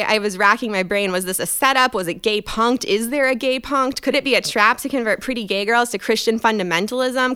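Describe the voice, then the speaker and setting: A young woman tells a comic first-person story in a bright, crisp voice. She is wry and self-mocking, and she acts out the other people's lines as she quotes them. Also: fairly high pitch. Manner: animated, acting out quoted voices.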